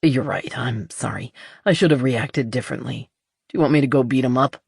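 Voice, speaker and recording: A woman voicing a calm, teasing adult man in an audiobook, speaking in a low, controlled way. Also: brisk, creaky, husky, no echo, studio quality, heavily acted. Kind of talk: audiobook character voice.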